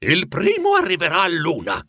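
A man's voice: huge pitch swings, normal speed, pushed and bright, no echo, clean studio sound, full character voice. A man voicing the ghost of a dead old businessman, chained and remorseful, speaking in a mournful, pleading way for a storybook reading. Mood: solemn. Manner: mournful, pleading, rising in pitch.

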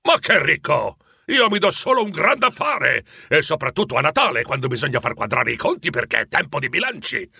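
A man's voice: mid-range voice, animated, unhurried, vocal fry, bright, forceful tone, slightly rough, dry recording, clean studio sound, exaggerated voice. A man putting on a grumpy old miser, scornful and snappish. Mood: indignant.

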